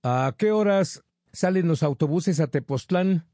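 A high, whiny teenage girl who complains at every turn, read by a man. Her voice climbs well above a deep, mellow base. Close and dry, with no room. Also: expressive, unhurried, no room sound. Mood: impatient.

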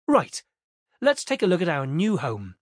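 A man's voice: a little high, huge pitch swings, unhurried, no room sound, studio quality, heavily acted. A man reading an audiobook, voicing a patient, tired middle-aged father who talks in a mild, coaxing way. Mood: upbeat. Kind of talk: audiobook character voice.

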